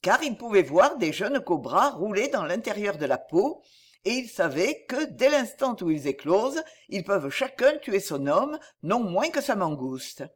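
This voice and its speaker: A woman reads a storybook aloud with a measured, expressive delivery. Her voice sits at a middling pitch but moves lively up and down. The telling is steady and clear. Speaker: narrator. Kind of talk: storybook reading.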